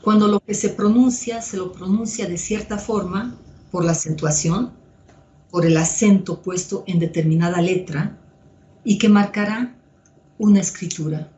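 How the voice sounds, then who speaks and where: A woman psychoanalyst giving a measured, step-by-step lecture with occasional fillers. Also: mid-range voice, warm tone, dull audio. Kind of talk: slow didactic lecture. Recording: echoey room.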